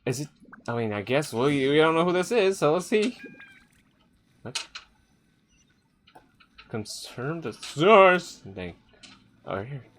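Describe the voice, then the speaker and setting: A man's voice: on the high side, big pitch swings, moderate pace, pauses often, a little hiss or hum. A man hosting a let's play, commenting casually on a story game and reacting with fillers and laughs.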